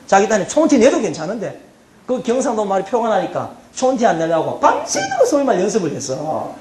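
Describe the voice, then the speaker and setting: A middle-aged man from the Gyeongsang region with a Gyeongsang accent, giving a humorous university lecture and checking on his students with quick "eh?" asides. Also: high-pitched, wildly swooping pitch, a little mellow. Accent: Gyeongsang Korean. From South Korea, Gyeongsang region. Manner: chatty, teasing, checks the audience with frequent "예?" and "어?". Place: lecture hall. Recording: roomy hall with faint background noise.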